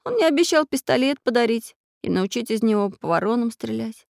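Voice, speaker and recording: Woman playing a gentle young boy. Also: fairly high pitch, animated, fairly quick, vocal fry, dry recording, studio quality, pitched above the performer's own voice. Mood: wistful.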